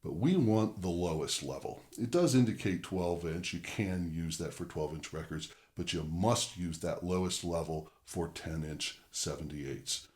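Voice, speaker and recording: Presenting an instructional record-cleaning demo, a man with a very deep, darkish voice speaks at a measured pace with few pauses. He talks conversationally and directly to the viewer, methodically laying out each option step by step.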